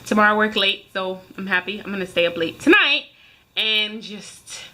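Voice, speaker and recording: Like a vlogger airing a rant, a woman in her thirties speaks casually and emphatically to her viewers. Her medium-pitched voice is animated and sharp in tone, at a moderate pace.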